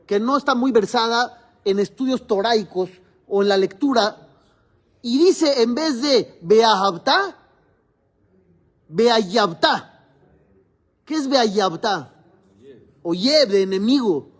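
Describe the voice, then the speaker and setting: A man, a rabbi teaching a religious class in a classroom, explaining step by step and quizzing his students. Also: high-pitched.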